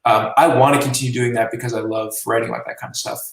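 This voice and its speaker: In a roomy recording made far from the mic, a man in his late twenties, a musician and journalist, rambles casually through an interview with many fillers. His mid-range voice is gravelly and racing, with fairly even intonation.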